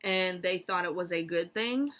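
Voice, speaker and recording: A woman's voice: lowish voice, moderate pace, a bit bright. A woman therapist talking casually in a vlog, rambling with lots of fillers and incredulous asides.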